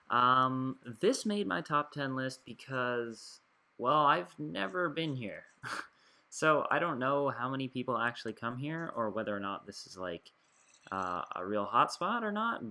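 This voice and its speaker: Young male gaming host: bright tone, chatty and rambling, lots of ums. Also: mid-range voice. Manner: rambling, filler-heavy, chatty. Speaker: gaming YouTuber. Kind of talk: casual gameplay commentary.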